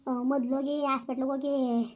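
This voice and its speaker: A woman's voice: high voice, flat delivery, a little fast, a little mellow, natural voice. A woman playing a middle-aged village aunty, lecturing with rhetorical questions. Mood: complaining. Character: scheming older village aunty, scolding mother-in-law type. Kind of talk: village skit acting.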